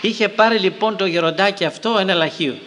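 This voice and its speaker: An older man, a monastic elder, preaching with a fairly high voice. He tells moral stories and repeats key phrases for weight. A long echo from a large hall trails his words. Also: bright, forceful tone, a little hiss or hum. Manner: storytelling, repeats phrases for emphasis.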